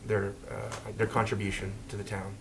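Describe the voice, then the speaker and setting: A man speaking informally and haltingly as a town official at a council meeting, rambling a little. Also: on the low side, monotone. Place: indoor council meeting room. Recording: noisy meeting room microphone.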